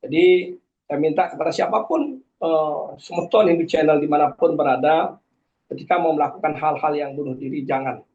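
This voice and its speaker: A man's voice: fairly high pitch, moderate pace, a little mellow. Earnest man in his forties. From Karangasem, Bali. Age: 40s. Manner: earnest and preachy, with frequent hesitations. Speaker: guest. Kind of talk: earnest personal testimony. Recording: dull lo-fi sound.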